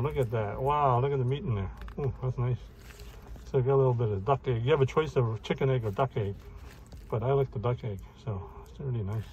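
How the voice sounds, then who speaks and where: A man hosting a casual food vlog and cooking demo, speaking easygoing and pausing often with "uh" as he explains. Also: medium pitch, warm tone, muffled recording, a little hiss or hum. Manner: easygoing, frequent "uh" pauses while explaining. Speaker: food vlogger.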